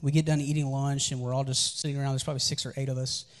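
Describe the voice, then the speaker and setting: A man's voice: mid-range voice, flat delivery, very fast. A man preaching a sermon as pastor, telling candid personal stories in a conversational, earnest way.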